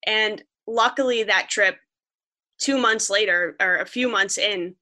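A young freelance journalist from Western New York appears as a podcast guest, earnestly recounting her reporting. Her mid-range voice is bright and forceful, a little slow. She tells vivid stories and quotes other people.

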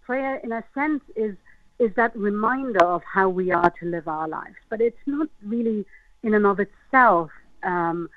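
A woman rabbi, a guest on a radio show, gives thoughtful, measured answers over a phone line. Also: mid-range voice, no room sound. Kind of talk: calm explanatory interview answers. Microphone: phone call into radio show.

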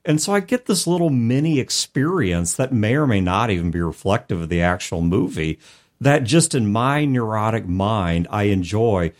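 Everyday comparisons are how this co-host explains things in a casual podcast about tabletop role-playing. His fairly low voice has lively intonation and moves at a normal speed.

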